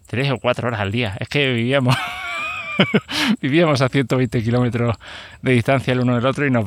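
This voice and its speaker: A man's voice: fairly low pitch, no room sound. Hesitant man with a Spain Spanish accent. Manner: hesitant, rambling, full of self-corrections. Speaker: podcast host. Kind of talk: casual solo podcast talk.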